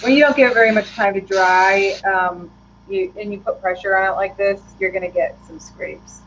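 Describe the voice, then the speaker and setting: A woman's voice: medium pitch, moderate pace, background noise. Woman walking thru her lure painting live, lots of ums, kinda muffled stream audio. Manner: relaxed and chatty, frequent ums, answers viewer questions. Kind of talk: live painting tutorial, thinking aloud.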